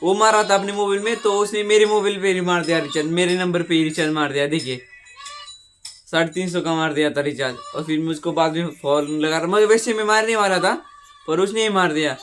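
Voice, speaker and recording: Filming on a handheld phone, this young adult vlogger chats casually through his daily vlog outdoors, at his village home and by the roadside. His slightly high, fairly bright voice moves fairly quickly with fairly even intonation, over slight background noise. He rambles, often restarts sentences and leans on "matlab" and "guys."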